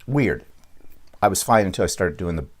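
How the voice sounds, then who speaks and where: A middle-aged man from Canada, chatting casually on his quilting vlog, rambling with frequent ums and restarts, clearing his throat now and then. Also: low voice, expressive, moderate pace. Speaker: quilting vlogger. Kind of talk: casual show-and-tell vlog.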